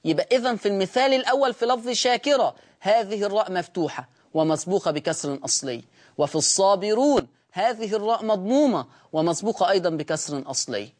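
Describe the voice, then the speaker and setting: A man with an Egyptian accent hosting a televised Quran recitation lesson. He speaks slowly and deliberately, drawing out example words and asking his students rhetorical questions. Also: high voice, lively intonation, darkish tone. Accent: Egyptian Arabic. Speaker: Quran recitation teacher and show host.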